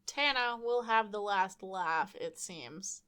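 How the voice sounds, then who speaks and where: A woman's voice: medium pitch, slow, fairly bright tone, smooth. A young woman hosting a podcast, recapping a comic book casually with frequent laughter and wry asides. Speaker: podcast host.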